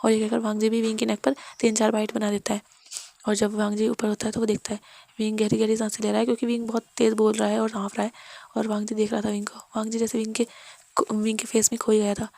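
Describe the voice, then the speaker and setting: A woman's voice: on the high side, monotone, quick pace, vocal fry, dark tone, no echo. A woman narrating a fan fiction story casually, rambling and correcting herself often.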